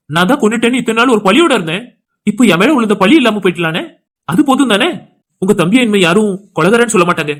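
A heartbroken younger brother, as a man voices him in a cartoon, talking in a rapid, high rush. He keeps a bitter, self-mocking calm. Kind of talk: cartoon voice acting.

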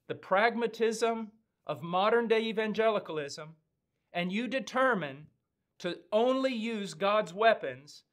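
A man in his fifties with an American accent, preaching a sermon in a slow, earnest, emphatic way with weighty pauses, seated in a studio. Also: sits high, fairly bright tone. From United States. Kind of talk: sermon teaching. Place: studio with dark backdrop, indoors.

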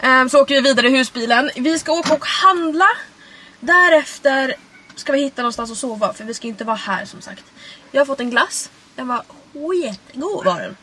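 Talking casually to her handheld vlog camera, a woman in her twenties shares a chatty road trip update from in and around a camper van and car. She sounds high, bright and expressive, with noticeable background noise in the camera audio.

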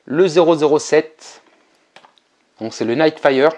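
A man narrating a casual vlog, relaxed and chatty, with frequent hesitations. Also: fairly high pitch, slow. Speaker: video game collector vlogger.

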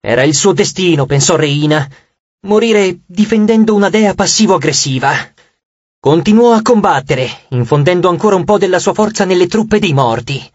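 A man's voice: sits high, no echo, dull audio. A man narrating an audiobook with dramatic, scripted storytelling.

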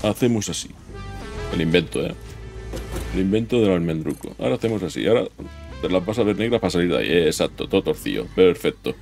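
A gameplay streamer casually comments while playing a building game, chatting and joking with himself and the game in a let's-play style. His deep, creaky voice has lively intonation and a quick pace. Game music plays loudly behind him.

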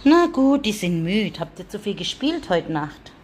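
A woman's voice: big pitch swings, measured pace, a little mellow, slight background noise. A woman, talking casually to her viewers and cooing at her cats while she cleans, now and then coughing from her allergy. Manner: chatty, coos and calls to her cats in a high sing-song. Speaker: vlogger. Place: room with cats, indoors.

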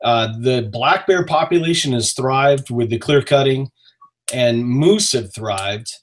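A man from northern Maine hosting a casual live-stream chat over a webcam from a small home office, talking in a relaxed, friendly way with frequent pauses. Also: medium pitch. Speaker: host. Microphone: webcam on a video call.

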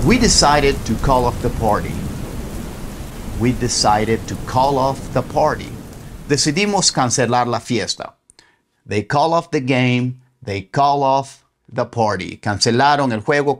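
A man teaching English phrasal verbs in a bilingual lesson, repeating example sentences slowly and acting out lively phrases. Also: medium pitch. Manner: slow, deliberate model sentences repeated for learners.

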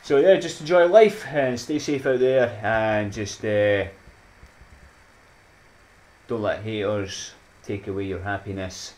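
A low-voiced, slightly mellow Scottish YouTuber in his thirties takes his time, pausing often, as he closes out a vlog from a small, dim room at home. The chat is casual, upbeat and rambling, with him laughing at his own jokes and slipping in motivational sayings.

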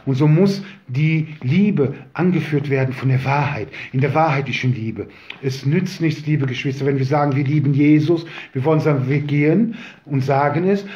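A man's voice: on the high side, a little mellow, muffled recording. A man preaching an earnest sermon, his voice rising when he quotes scripture.

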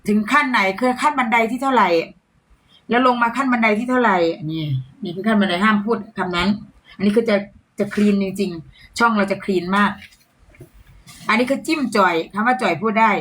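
A woman's voice: on the high side, brisk, a bit bright, poor audio. A young adult woman with an Isan Thai accent, chatting playfully as a livestream seller and laughing often. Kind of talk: casual live-selling chat.

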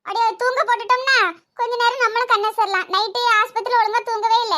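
Sex: female. Figure: a woman playing a tired, coaxing elder sister in a cartoon. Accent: Kanyakumari Tamil. Pitch: very high. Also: steady tone, quick pace, sharp tone. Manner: exasperated, coaxing. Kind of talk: cartoon voice acting.

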